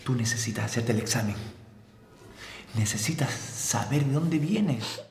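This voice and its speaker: A man's voice: mid-range voice, expressive, unhurried, slight background noise, lightly acted. An actor playing a firm, protective father. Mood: resigned. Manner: firm, reassuring, takes charge. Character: detained adoptive father, protective and resigned. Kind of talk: telenovela acting. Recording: roomy with long reverb.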